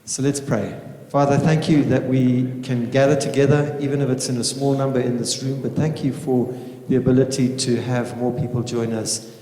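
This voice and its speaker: In an echoey indoor room before a small audience, a man welcomes everyone informally and prays as the teacher opening a panel evening. He speaks at normal speed with few pauses, keeping a level tone in a dark, mid-range voice.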